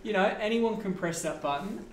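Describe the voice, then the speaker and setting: A man's voice: high voice, brisk. Man hamming up a mock Australian accent. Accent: mock Australian, put on. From Reading, England. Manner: hamming up a slangy Aussie act, calling everyone mate. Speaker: game developer on a live stream. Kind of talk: joking live-stream Q&A. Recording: roomy, faint background noise.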